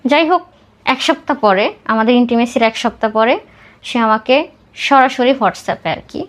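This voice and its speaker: A Bangladeshi woman with a somewhat high voice appears as a podcast guest, telling her personal story in interview style at a normal pace. English words are mixed throughout her speech.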